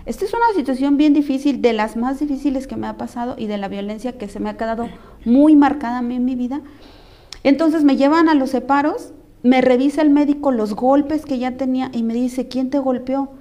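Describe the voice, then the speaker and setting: Earnest Mexican woman, slightly high voice. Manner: earnest, animated retelling, acting out others' words. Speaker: guest. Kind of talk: personal testimony in a conversation.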